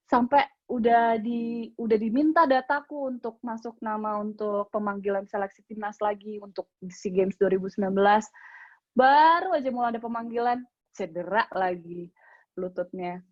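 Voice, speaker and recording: A woman's voice: fairly high pitch, moderate pace, dry recording, dull audio. A woman in her late twenties tells a personal faith testimony in an earnest, emotional way and acts out her own prayers. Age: late 20s. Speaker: speaker sharing a testimony. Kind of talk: personal testimony to a youth group.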